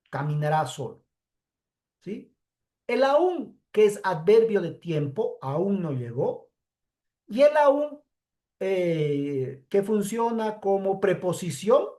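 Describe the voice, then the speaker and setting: In a pre-recorded lecture, a woman teacher with a mellow, medium-pitched voice works through the material one step at a time. She goes slowly and keeps checking on her students with "¿sí?".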